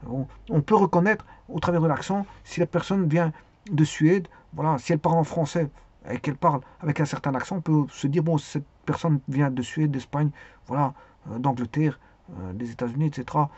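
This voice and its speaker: A man giving a spoken lesson on speaking skills, hesitant, with many pauses and repeated words. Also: fairly high pitch, darkish tone, husky, no room sound. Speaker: teacher. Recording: dull lo-fi sound.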